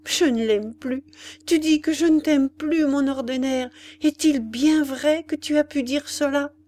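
A woman's voice: high voice, unhurried, mellow, pitched above the performer's own voice. A woman reading aloud, voicing a desperate young woman who pleads with her beloved in an impassioned, tearful way. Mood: anguished.

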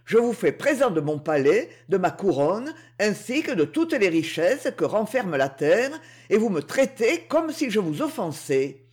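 A woman's voice: mid-range voice, big pitch swings, a little slow, a little mellow. A woman voicing a coaxing, boastful underworld king. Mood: stern. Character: underworld king, smooth-talking and possessive. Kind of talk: audiobook character reading.

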